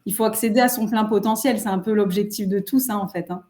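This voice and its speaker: A woman's voice: mid-range voice, steady tone, quick pace, dark tone. A woman, a guest speaking earnestly and reflectively in a casual interview. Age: 30s. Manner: earnest, reflective, many fillers. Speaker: guest entrepreneur.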